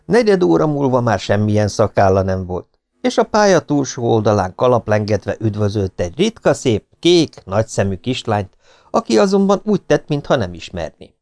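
A man narrating an audiobook in an expressive reading style. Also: mid-range voice, no room sound.

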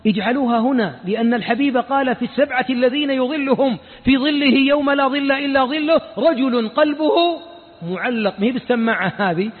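A Saudi sheikh gives an informal religious lesson in a mosque, his voice strikingly high and husky, his pace brisk, with a Saudi Arabic accent. He fires off rhetorical questions and mimics the people he quotes. The audio is thin and phone-like, with long hall reverb trailing each phrase.

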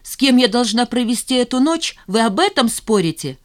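A reader voicing an emotional young woman at a party, pleading and desperate, a touch higher than their own voice. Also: lively intonation, normal speed, natural voice. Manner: pleading, then desperate and shouting.

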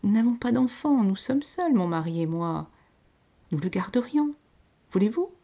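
A woman voicing a tearful, spoiled young wealthy wife who pleads in a trembling, halting voice. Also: mid-range voice, animated, dark tone, voice pushed up. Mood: pleading.

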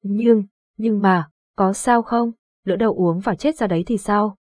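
A woman's voice: mid-range voice, normal speed, darkish tone, dry recording, clean studio sound, close to an everyday voice. A woman voicing a frightened middle-aged village mother who frets and wails. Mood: anxious. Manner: fretful, wailing.

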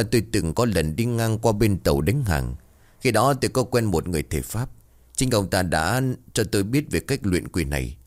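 A man doing a stern old patriarch in an audio story, frail yet commanding. His low voice moves widely as he gives orders. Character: ailing old man in a wheelchair, stern head of the house.

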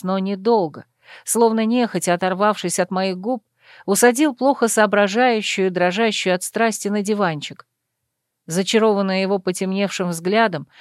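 A woman narrating a first-person romance audiobook in an intimate, measured reading. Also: medium pitch, no room sound, studio quality.

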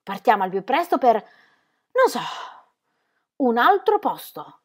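A woman's voice: a little high, big pitch swings, slow pace, pitched above the performer's own voice, exaggerated voice. A woman reading aloud, voicing an irritable, impatient male painter who bursts out emphatically. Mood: shouting. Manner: exasperated, emphatic outbursts.

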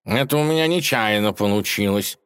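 A man's voice: on the low side, expressive, a little fast, a bit bright, smooth. A man voicing a fussy, awkward male scholar cat in a storybook tale, puffing and grumbling. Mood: sheepish.

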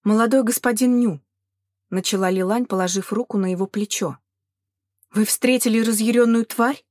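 A woman's voice: fairly high pitch, fairly even intonation, moderate pace, darkish tone, dry recording, close to an everyday voice. A woman voicing a composed young female imperial officer in an audiobook, speaking evenly with a dry, teasing edge.

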